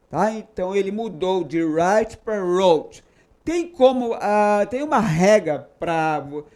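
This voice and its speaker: A man's voice: high voice, darkish tone. A man with a Brazilian Portuguese accent, teaching English grammar and checking in with "tá?" and "ok?". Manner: patient, repeats English examples slowly with checking tags like "tá?" and "ok?". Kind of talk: explanatory grammar lesson.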